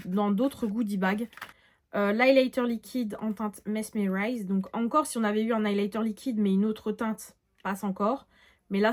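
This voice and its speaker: A woman in her late twenties giving a casual beauty haul vlog, chatty with frequent filler sounds as she shows products. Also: a little high. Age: 20s. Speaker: beauty vlogger.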